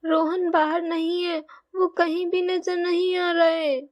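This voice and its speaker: A woman's voice: extremely high pitch, flat delivery, a little slow, muffled recording. A woman voicing a worried young girl who speaks eagerly and anxiously.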